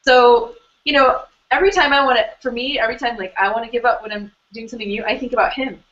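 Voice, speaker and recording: A woman's voice: on the high side, fairly even intonation, quick pace, a bit bright, lo-fi sound. A woman hosting an online hangout, talking casually and rambling with lots of fillers and restarts. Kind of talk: casual conversational interview.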